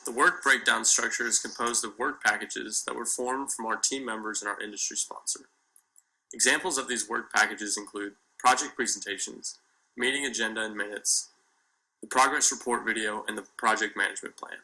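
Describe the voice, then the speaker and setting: A young man from Kentucky, a student reading a formal class presentation in a steady manner. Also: fairly low pitch, a little fast, poor audio.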